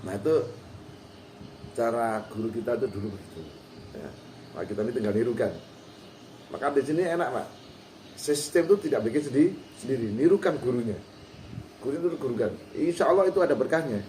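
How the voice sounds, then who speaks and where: A man teaching Quran recitation in a relaxed, folksy way, now and then acting out short quotes. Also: medium pitch, brisk, long pauses. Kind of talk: informal religious lesson. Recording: roomy hall with faint background noise.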